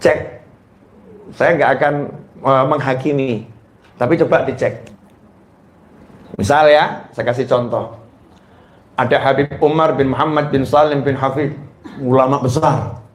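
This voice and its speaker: Playful Indonesian preacher in an echoey hall. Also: male voice, fairly even intonation, unhurried, long pauses. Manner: playful, teasing the audience with questions; jumps into high squealing mimicry of mothers. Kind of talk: sermon. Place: hall with a live audience.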